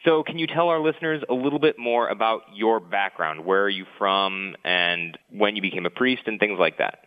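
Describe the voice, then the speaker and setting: A man's voice: fairly low pitch, normal speed. A man interviewing a guest on a radio show, asking plain, friendly questions. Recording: phone-like sound with long reverb.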